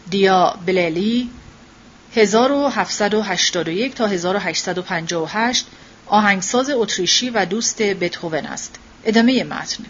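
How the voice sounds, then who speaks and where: A woman narrating a literary novel as an audiobook in a measured, even way. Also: medium pitch, muffled recording, slight background noise.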